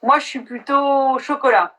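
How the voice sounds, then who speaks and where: A middle-aged actress hosting a casual live stream, talking frankly and swearing now and then over a video call. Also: female voice, sits high, measured pace, pushed and bright.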